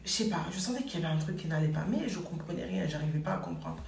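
A woman's voice: low-pitched, wildly swooping pitch, quick pace, creaky, darkish tone. Woman chatting through a story, lots of fillers, sounds far off in a roomy space. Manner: chatty, many fillers and "et tout". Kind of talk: casual personal storytelling.

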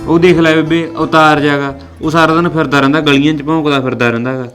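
A man's voice: a little high, steady tone, quick pace, a bit bright, clean tone, faint music behind. A man with a Punjabi accent acting in a village family drama, reassuring his mother in an earnest way. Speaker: son talking to his mother.

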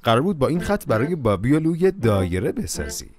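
A man's voice: medium pitch, big pitch swings. A man narrating a children's cartoon, talking to the characters in a playful, coaxing way. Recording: music playing behind the voice.

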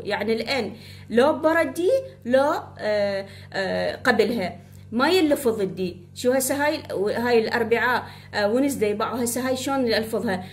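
Iraqi woman teaching, echoey room. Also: on the high side. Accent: Iraqi Arabic. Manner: slow, repeating, addresses pupils directly. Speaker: English teacher. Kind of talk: spoken blackboard lesson. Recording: echoey room with faint hum.

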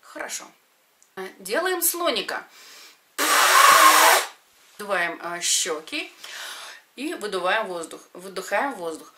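A middle-aged woman teaching exercises to camera, giving short step-by-step instructions with pauses between them. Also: mid-range voice, big pitch swings, heavy background noise. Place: indoors, in front of a padded wall.

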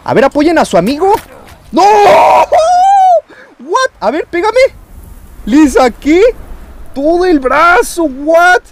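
A man with a Mexican Spanish accent giving excited gameplay commentary as a YouTuber, taunting opponents and yelling at the screen. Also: very high voice, unhurried, long pauses, heavy background noise. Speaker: gaming YouTuber.

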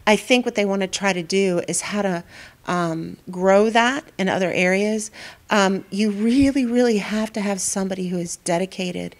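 A woman's voice: medium pitch, moderate pace. A middle-aged woman, a school principal, answering interview questions with many fillers and restarts. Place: indoor school hallway.

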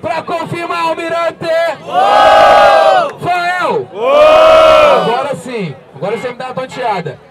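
High-pitched man shouting as battle host. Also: unhurried, pauses often. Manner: shouted, rallying the crowd. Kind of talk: live hype announcing. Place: outdoor night rap battle. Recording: loud live music and crowd.

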